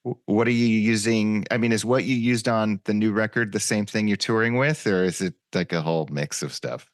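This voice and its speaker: A man hosts a podcast, his voice slightly low. He talks his way into his questions with restarts and eager asides. The recording is dry and close. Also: a little fast, no room sound. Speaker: podcast host. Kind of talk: casual interview questions.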